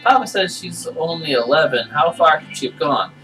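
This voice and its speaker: A man's voice: a little high, expressive, moderate pace, bright, forceful tone, pitched above the performer's own voice. A man voicing a frightened young farm girl reading her diary, with simple, folksy childlike phrasing, in a game playthrough. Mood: worried, reluctant. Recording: distant mic, music behind.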